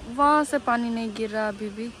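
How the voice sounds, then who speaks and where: A young woman chats with her viewers as she walks a rainy hillside trail, her voice sitting a little high. She films on a phone held at arm's length, so the outdoor audio carries a clear wash of background noise. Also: normal speed, fairly bright tone. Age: young adult. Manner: chatty, addresses viewers directly. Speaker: travel vlogger. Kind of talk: casual travel vlog. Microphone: phone camera at arm's length.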